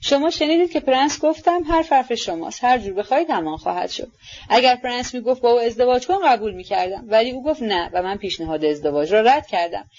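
A woman's voice: a little high, expressive, a little mellow, dull audio. A woman voicing a proud, imperious young woman who speaks in a haughty, commanding way. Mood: mocking.

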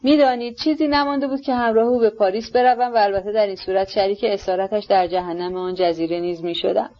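A woman's voice: medium pitch, fairly even intonation, close to an everyday voice. A woman reading the part of an old general who is grandly swept up in his own war memories, on a dull lo-fi recording. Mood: boastful.

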